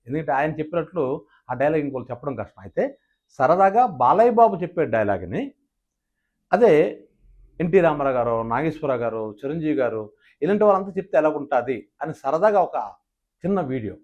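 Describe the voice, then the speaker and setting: A man's voice: on the high side, muffled recording. A man hosting his own channel, chatting casually to camera between impressions. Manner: lively, chatty explanations. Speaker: mimicry YouTuber.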